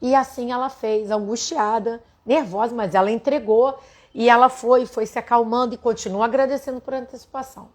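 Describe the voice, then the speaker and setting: Speaking fairly quickly in a voice on the high side, a little mellow and fairly even in intonation, a woman with a Brazilian Portuguese accent tells her audience a story. She is a spiritual teacher and addresses them earnestly and directly.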